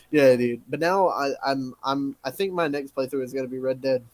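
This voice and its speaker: A man's voice: medium pitch, measured pace, no echo. A man who makes gaming content, rambling emphatically and swearing constantly in a casual podcast chat.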